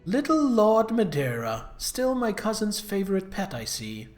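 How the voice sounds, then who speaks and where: A man's voice: high voice, sing-song, a little slow, pitched above the performer's own voice. A haughty noblewoman villain from a video game, acted out by a man, menacing and vengeful like a mustache twirler. She speaks in grand, arrogant threats over music. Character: captured arrogant noblewoman villain, vengeful, fanatically loyal to father. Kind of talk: reading video game dialogue aloud.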